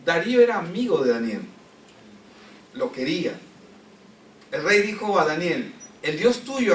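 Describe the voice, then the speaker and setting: A man's voice: fairly high pitch, slight background noise. Man teaching Bible class in echoey room. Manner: reads scripture aloud and explains it, asking the class questions. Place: church classroom. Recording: echoey room, distant mic, faint ambience.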